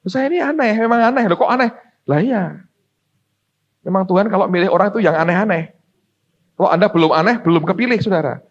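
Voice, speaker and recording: A middle-aged pastor from Semarang, preaching a folksy, story-driven sermon that speaks straight to the congregation. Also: male voice, high voice, quick pace, pauses often. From Semarang, Central Java. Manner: animated, folksy, addresses the congregation directly. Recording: dull lo-fi recording.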